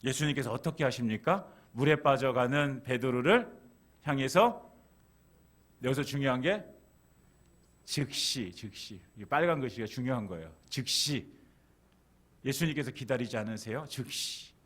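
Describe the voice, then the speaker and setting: A man preaching a sermon as pastor. He repeats key words for emphasis and acts out scolding quotes, and at times climbs to loud, high passages. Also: animated, moderate pace, long pauses.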